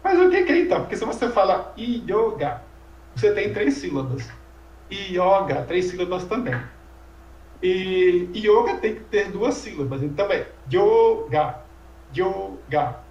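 A man's voice: high voice, sing-song, a little fast, darkish tone, highs cut off. A man teaching language in an informal lecture conversation, explaining patiently and asking rhetorical questions. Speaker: Sanskrit teacher. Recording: echoey room, voice from far off mic.

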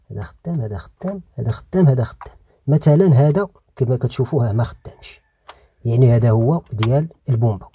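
A man's voice: mid-range voice, dark tone, breathy edge. A man with a Moroccan Arabic accent hosting a car repair tutorial. He explains each step while he works on the car, probably in a garage. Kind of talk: hands-on repair demonstration.

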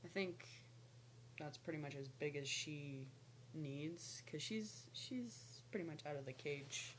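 Speaking slowly in a low-pitched voice, a young snake owner chats to camera in a loose, rambling vlog, stopping sometimes to coo at her pet. It's filmed in a small lamp-lit room at home, with noisy audio from a webcam or laptop mic at arm's length.

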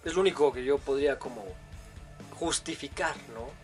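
A man's voice: medium pitch, moderate pace, faint music behind. A young man with a Mexican accent giving crude, joking, casual commentary on a video he is reacting to.

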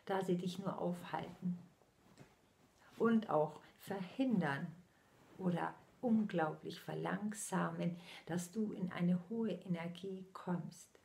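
This solemn, slow channeled message comes from a spiritual medium in her sixties whose voice sits on the low side with vocal fry. With her eyes closed, she often drops into soft whispers, recorded close on a laptop in a small room at home.

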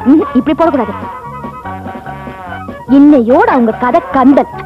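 பழிவாங்கும் ஆவி புகுந்த மருமகள். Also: female voice, sits high, unhurried. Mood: teasing, bossy. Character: young daughter-in-law possessed by vengeful spirit. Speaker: daughter-in-law character. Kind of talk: dubbed Tamil film acting. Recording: dull lo-fi film audio with loud music.

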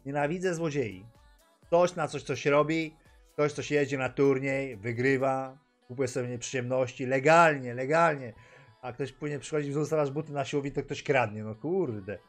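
A young Polish man spins animated vlog stories in a mid-pitched voice, hopping between his own language and broken, heavily accented English. He breaks into loud sudden exclamations, and faint music plays behind him. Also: moderate pace. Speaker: gaming streamer vlogger. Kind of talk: casual storytelling vlog.

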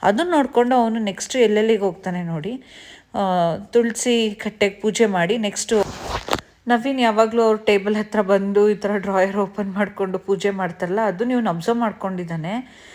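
A woman's voice: medium pitch, moderate pace, a little mellow. A young adult woman and mother narrating a casual family vlog in a chatty way, dropping English words into her talk.

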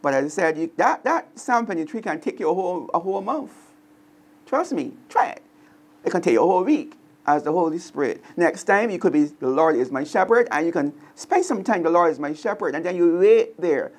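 Presenter, meditation teaching, mid pitch, slow repeated phrases, studio talk. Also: expressive. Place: television studio.

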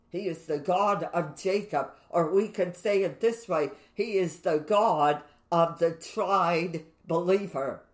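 A woman teaching from scripture in a measured way, repeating key phrases for emphasis. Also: lowish voice, a little mellow, roomy sound. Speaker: Bible teacher.

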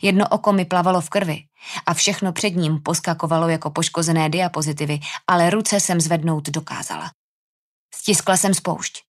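Woman audiobook narrator, low-pitched, tense dramatic first-person reading. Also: fairly even intonation.

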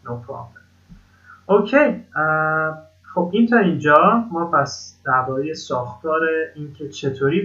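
A man in his thirties from Iran teaching a beginner English grammar lesson from slides, slowing down to stress each English example. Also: on the high side, sharp tone, dull audio. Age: 30s.

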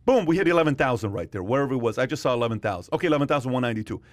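A man's voice: medium pitch, expressive, rapid-fire, no echo. A man in his forties hosting a podcast, talking emphatically and repeating phrases to drive his points home, recorded close on a studio mic. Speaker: podcast host. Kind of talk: animated casual discussion. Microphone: studio mic on boom arm, wearing headphones. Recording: dry close-miked studio sound.

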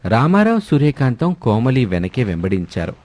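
A man narrating a cartoon story in a lively storytelling manner. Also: mid-range voice, normal speed.

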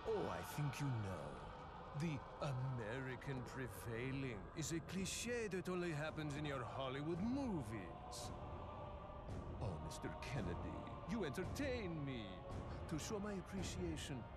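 An actor playing a male video game villain who taunts the hero in a smug, theatrical way, heard over loud music. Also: medium pitch, very animated, slow pace. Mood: smug taunting. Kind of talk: video game cutscene acting.

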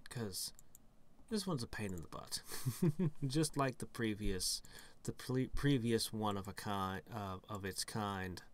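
A man's voice: on the low side, expressive, takes it slowly. A man giving let's-play commentary, thinking aloud in a rambling way with dry, self-mocking humour. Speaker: gaming channel host.

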